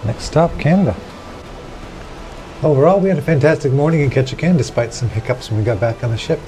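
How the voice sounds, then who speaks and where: A man's voice: medium pitch, fairly quick, mellow, faint music behind, rough recording. A man co-hosting a cruise vlog. He gives wry, understated commentary on board a ship. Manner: wry, understated, dry humor.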